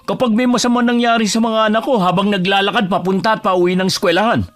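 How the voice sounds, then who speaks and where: A man's voice: high-pitched, fairly even intonation, quick pace, lightly acted. An actor playing a defensive young father arguing with his sister-in-law and mother in a horror audio drama. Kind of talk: Filipino radio-style horror drama acting.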